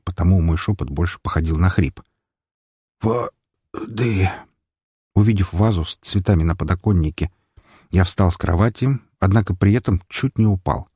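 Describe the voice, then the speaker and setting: A male audiobook narrator with a low, husky voice that moves up and down a lot as he reads. The sound is dry and close, with no room echo. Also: warm tone.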